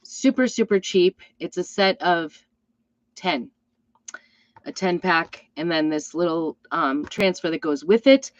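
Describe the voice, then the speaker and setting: A middle-aged woman with a hoarse, weakened voice from a hacking cough, rambling apologetically as she hosts a casual live craft demo. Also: fairly low pitch, unhurried, no echo, highs cut off. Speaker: craft host and crafting product seller.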